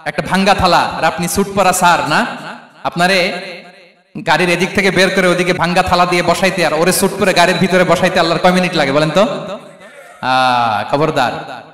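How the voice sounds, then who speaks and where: A man's voice: high-pitched, a little fast, fairly bright tone. Man, preacher, impassioned sermon, crowd questions, roomy echo. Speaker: Islamic preacher. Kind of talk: Bengali waz sermon. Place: large stage event hall. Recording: echoey hall with long reverb.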